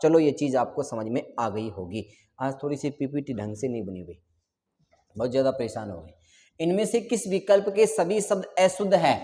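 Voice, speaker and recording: A man's voice: mid-range voice, big pitch swings, moderate pace, warm tone, big-room sound, a little hiss or hum. A male teacher giving an online exam-prep lesson, repeating answers and quizzing his students again and again.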